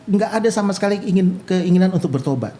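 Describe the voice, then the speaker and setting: A man's voice: high voice, quick pace, slight background noise. A male pastor, telling his own life story in an interview and acting out the voices of people he quotes. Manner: animated storyteller who acts out quoted voices.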